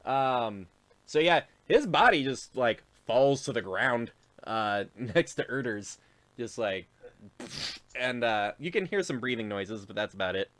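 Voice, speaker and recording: A man's voice: medium pitch, expressive, a little slow, fairly bright tone. A man narrating as game master of a tabletop game, rambling with fillers and frequent chuckles.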